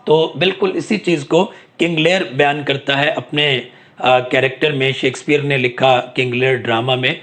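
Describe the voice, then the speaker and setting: A man's voice: mid-range voice, steady tone, normal speed, fairly bright tone, soft background music. A man lecturing on literary terms, asking questions and then answering them, and drawing out key English phrases for emphasis.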